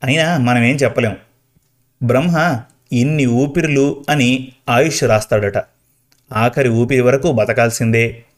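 A man voicing a calm middle-aged village doctor in a spoken story, measured and advising. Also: medium pitch, natural voice. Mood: grave.

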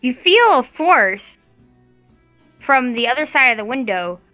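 A woman's voice: high-pitched, very animated, unhurried, sharp tone, no room sound, faint music behind, rough recording. A woman narrating a tabletop game as game master, casual and often laughing.

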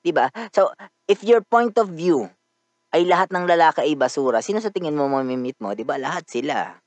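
A man with a Filipino accent giving a casual motivational talk, animated and often asking the listener to agree. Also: on the high side, a little fast, no echo.

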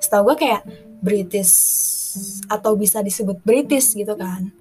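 A woman's voice: mid-range voice, normal speed, music in the background. A young woman hosting a podcast in a casual, rambling monologue, full of fillers and restarts, dropping English phrases into slangy talk. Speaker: podcast host.

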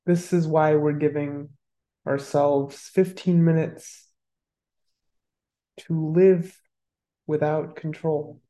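A meditation guide talks listeners through a session in a calm, mellow voice. The delivery is very slow and hardly rises or falls, with long pauses between phrases. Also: mid-range voice.

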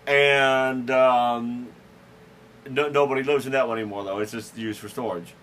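A podcast host with a mid-range, slightly bright voice tells a rambling, self-deprecating story during a casual chat. His tone stays steady and his pace moderate as he chuckles, restarts sentences often, and leans on fillers.

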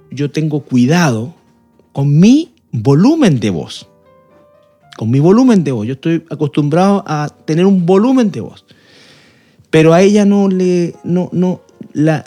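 A married man talks through his views on marriage in a casual discussion, earnest and patient, circling back to repeat himself. His voice is mellow and fairly high for a man, with faint music underneath. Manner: earnest, explaining at length with many restarts.

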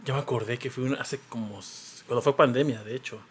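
Rambling Mexican podcast host. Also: male voice, mid-range voice, fairly even intonation, fairly quick, slightly rough. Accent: Mexican Spanish. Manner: rambling, full of fillers and restarts. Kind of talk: casual podcast chat.

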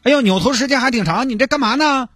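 A stern traffic cop who fires off one pointed question after another, as a man puts him on. The voice is raised well above the man's own and has a husky grain. It is recorded in a dry space. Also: very high-pitched, fast, fairly bright tone, no room sound, soft background music, pitched above the performer's own voice, heavily acted. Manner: lecturing, questioning.

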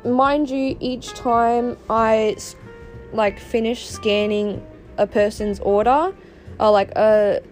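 A woman's voice: a little high, steady tone, slow, a little mellow, faint music behind. Swearing young woman rambling. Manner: profane, rambling with many fillers. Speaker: vlogger. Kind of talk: casual storytelling chat.

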